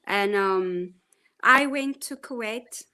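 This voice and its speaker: A woman in her thirties from Ethiopia with an Ethiopian accent, a guest speaking casually, hesitating with "um" and laughing softly. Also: medium pitch, slow, smooth. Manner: warm, hesitant, frequent "um" and soft laughs. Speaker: guest, small business owner. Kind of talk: casual interview chat.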